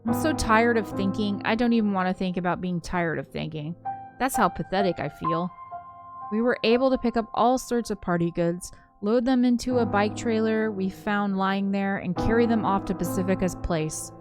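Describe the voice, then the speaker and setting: Over game soundtrack music, a woman with a mid-range voice reads a visual novel aloud on stream at normal speed. Her tone is casual, and she chats with informal, giggly asides.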